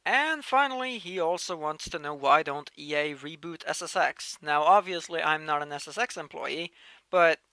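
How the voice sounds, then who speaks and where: Answering questions from viewers, a late-teen Norwegian host talks in a chatty, casual way, restarting phrases often and emphasizing words in bursts, his loudness shifting lively. The voice is a little high and smooth, at a moderate pace, with no echo.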